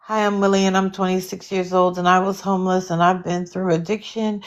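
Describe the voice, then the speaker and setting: A woman's voice: fairly low pitch, brisk, highs cut off, close to an everyday voice. A woman imitating a rambling young man in his twenties who mumbles and repeats himself without stopping. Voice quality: mumbling, monotone, repetitive.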